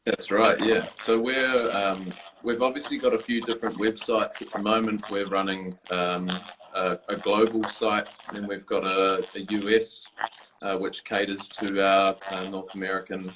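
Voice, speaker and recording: A man's voice: on the low side, flat delivery, moderate pace, noisy background. A man being interviewed from his office over a video call, explaining a product with many fillers and restarts. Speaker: guest, coffee brewer designer.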